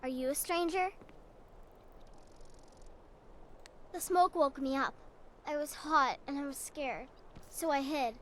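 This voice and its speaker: Woman playing a high-voiced little ghost girl, lonely. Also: moderate pace, a little hiss or hum, natural voice. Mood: timid, curious. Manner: childlike, simple phrasing. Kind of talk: video game character acting.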